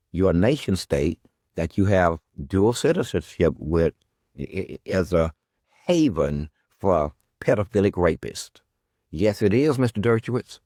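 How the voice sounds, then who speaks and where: Low-voiced man delivering a needling, profane rant. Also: dark tone, no room sound, clean studio sound. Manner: sarcastic, profane, needling, repeats questions. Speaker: podcast host. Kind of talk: confrontational monologue addressed to an absent guest.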